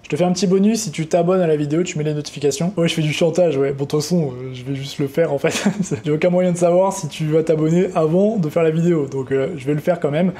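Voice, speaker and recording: Brief: young male tutor, relaxed and mellow, chatty, unscripted walkthrough, a touch high-pitched. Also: fast talker, hardly any pauses. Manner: casual, rambling, talks straight to the viewer. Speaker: trading educator.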